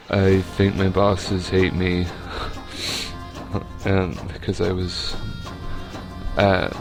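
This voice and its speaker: Over faint background music, a young video game player with a lowish voice talks through a battle in casual commentary. His pace is slow and unhurried, and he rambles, restarts sentences, and says um a lot.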